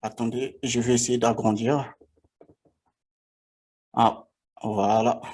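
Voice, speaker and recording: Slow, halting man in his forties. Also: medium pitch, fairly even intonation, a little mellow. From Republic of the Congo. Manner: halting, repeats himself, frequent hesitations. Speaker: vlogger. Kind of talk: personal storytelling vlog.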